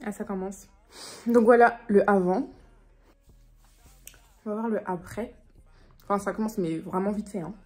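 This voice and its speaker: Woman vlogger, casual chat, quick and full of fillers. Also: medium pitch, fairly even intonation, darkish tone, faint music behind. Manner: fast, chatty, with many fillers. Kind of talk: casual vlog chat to camera.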